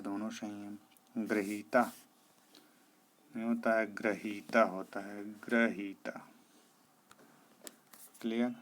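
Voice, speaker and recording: Slow, flat-voiced male coaching teacher. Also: lowish voice. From India. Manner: drills word pairs, repeats the correct form, asks "clear?". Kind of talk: exam-prep spelling lesson. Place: coaching classroom.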